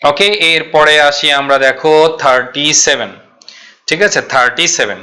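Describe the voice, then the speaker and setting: A man's voice: a little high, unhurried, sharp tone. A man teaching English grammar to students, repeating rules and asking then answering his own questions. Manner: stretches out English example sentences. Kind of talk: classroom lesson explaining exam questions.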